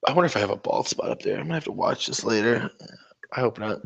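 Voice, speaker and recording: A man's voice: on the low side, lively intonation, fast talker, gravelly, a bit bright. A man livestreaming while he paints miniatures, rambling in casual, profane, teasing banter aimed at his viewers. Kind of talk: casual chat.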